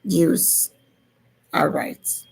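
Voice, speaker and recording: A hoarse speaker who is losing their voice, giving a casual, slow and thoughtful civics explanation that circles back over its points. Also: rough recording.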